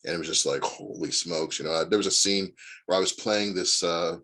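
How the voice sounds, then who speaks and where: Sitting low in pitch, this man's voice is sharp and fast. He's an Indiana actor in his forties, a guest in a casual interview who rambles through lengthy stories full of filler words.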